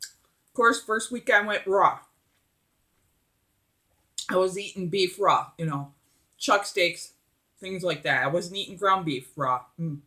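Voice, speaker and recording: Bright, forceful middle-aged woman chatting while eating. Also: on the low side. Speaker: mukbang vlogger. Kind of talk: casual chat while eating.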